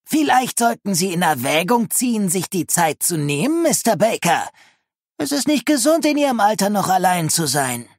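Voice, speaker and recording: Narrator doing a nosy old lady neighbor, snide, high and croaky, audiobook. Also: very animated, unhurried, no echo, clean studio sound, full character voice. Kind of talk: audiobook reading.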